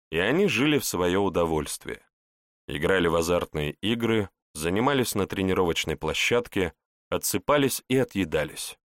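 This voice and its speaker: A man's voice: low-pitched, dry recording, clean studio sound. A man narrating a scripted fantasy story as an audiobook reader.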